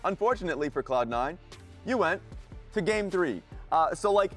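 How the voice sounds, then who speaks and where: Animated male esports analyst. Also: high-pitched, moderate pace, soft background music. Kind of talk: analyst desk commentary.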